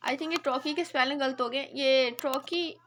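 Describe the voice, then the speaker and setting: Lady teacher on a video call, high bright voice, slow explaining, keeps checking you follow, bit of hiss. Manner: explains step by step, checks understanding often. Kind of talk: online lesson on a poem.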